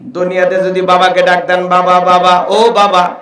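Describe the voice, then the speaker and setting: Fiery, high, bright-voiced male preacher. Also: completely flat delivery, normal speed, reverberant, a little hiss or hum. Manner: fiery, shouting to crowd, call and response. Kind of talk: sermon. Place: outdoor religious gathering.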